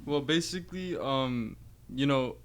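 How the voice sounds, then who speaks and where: A man who produces and mixes music, speaking casually in a radio interview and dropping you know often. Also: medium pitch. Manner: fast, chatty, uses you know a lot. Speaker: producer and mixing engineer. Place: radio studio.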